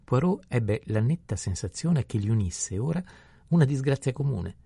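A man narrating an audiobook in a steady, measured reading style. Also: mid-range voice, vocal fry, husky, no room sound. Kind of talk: scripted narration.

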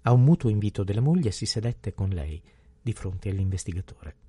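Deep, husky male audiobook narrator. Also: fairly quick, no room sound. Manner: steady, even literary reading.

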